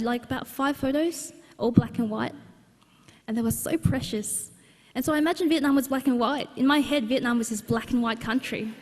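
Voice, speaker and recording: Speaking in a large exhibition centre hall whose long reverb fills the recording, this young Australian author shares a personal story at her book launch. Her pitch is fairly high and a little mellow. She talks earnestly and conversationally, frequently starting over.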